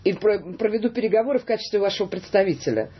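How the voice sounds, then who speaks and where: A woman's voice: medium pitch, expressive, racing, husky. A woman hosting a live radio talk show who teases her guests in a playful way. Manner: teasing, playful. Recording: dull lo-fi radio broadcast.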